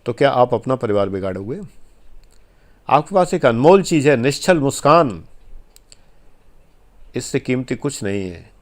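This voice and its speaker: Earnest man giving life advice. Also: medium pitch. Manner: earnest, exhorting, emphatic. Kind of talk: motivational talk.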